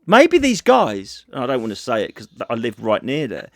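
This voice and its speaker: A podcast host talks in a loose, rambling way, swearing and abandoning sentences halfway through. His voice sits at an ordinary middle pitch. The recording is close and dry, with no room sound. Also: moderate pace, no room sound. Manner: rambling, animated, swearing, trailing off mid-sentence. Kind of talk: casual chat.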